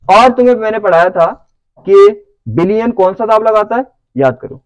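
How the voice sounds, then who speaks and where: A man's voice: high voice, moderate pace, smooth, no echo, poor audio. A man teaching a lecture who keeps asking the class whether they follow. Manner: checks understanding with repeated questions.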